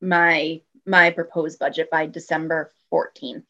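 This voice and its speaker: A woman's voice: deep voice, flat delivery, a little slow, bright, forceful tone, highs cut off. A woman on town staff reporting at a public meeting, speaking hesitantly. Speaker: parks and recreation staff.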